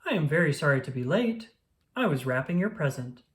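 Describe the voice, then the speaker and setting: A reader voicing a kind, calm male frog in a children's storybook, with a gentle, matter-of-fact manner. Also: mid-range voice, brisk, natural voice. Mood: calm, reassuring. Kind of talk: children's storybook read-aloud.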